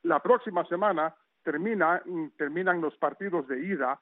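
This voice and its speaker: A man's voice: a little high, normal speed, dry recording. A man reading a radio sports news roundup in a conversational way, with chatty asides. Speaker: sports reporter. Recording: tinny phone-line sound.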